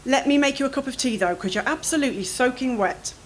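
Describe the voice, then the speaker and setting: A woman reading aloud the lines of a kindly, practical female florist, speaking gently and matter-of-factly. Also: high-pitched, quick pace, a little hiss or hum, pitched above the performer's own voice, lightly acted.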